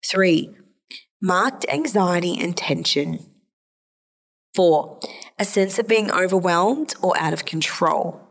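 Speaking slowly and leaving long pauses, a female psychologist and podcast host walks through a topic alone in a solo episode. A sore throat makes her fairly low-pitched voice somewhat hoarse and nasal.

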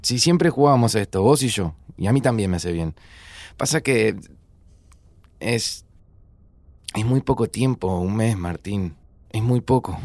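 A man's voice: fairly low pitch, animated, a little slow, long pauses, darkish tone, no echo. An actor playing a grieving young man with a Rioplatense Spanish accent, tense and sarcastic. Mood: bitter. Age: young adult. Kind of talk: audio drama acting.

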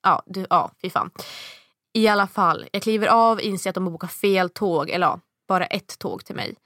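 A woman in her thirties telling a long story in casual chat, acting out the quotes in a much higher voice. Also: fairly bright tone, no echo, studio quality.

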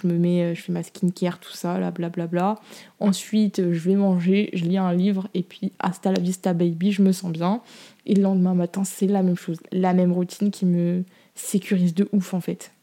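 A woman's voice: lowish voice, level tone, a little fast, mellow. A young woman hosting a podcast, chatting casually and candidly in slangy, informal speech as she shares personal advice. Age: young adult. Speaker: podcast host.

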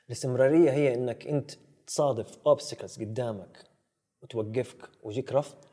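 A man's voice: mid-range voice, a little fast, warm tone. A man, an actor, talking earnestly as a guest and slipping English words into his speech. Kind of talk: casual storytelling chat.

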